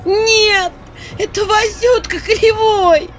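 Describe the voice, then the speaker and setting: A shrill, wailing village girl in a folk-tale audiobook, as a woman narrator puts her on. Her pitched-up cries cut through a dull, lo-fi recording with faint music behind. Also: steady tone, slow. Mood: shrieking panic. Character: panicked young village girl, shrieking and wailing.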